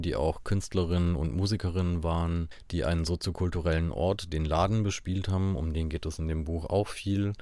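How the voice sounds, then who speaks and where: A man hosting a book podcast, reading his introduction in a calm, measured way. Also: low voice, no echo. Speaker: podcast host. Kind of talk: scripted introduction.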